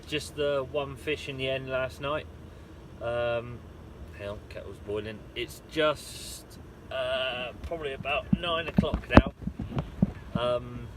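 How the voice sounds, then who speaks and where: British man, bright voice, noisy outdoor recording. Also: medium pitch. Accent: British English. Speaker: angler filming a fishing vlog. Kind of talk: casual chat to camera. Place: outdoors at a fishing lake.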